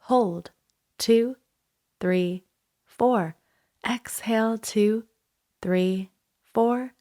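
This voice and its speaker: Her voice is fairly high and mellow as she leads a guided breathing exercise. She keeps things soothing and slow, giving brief directions separated by pauses.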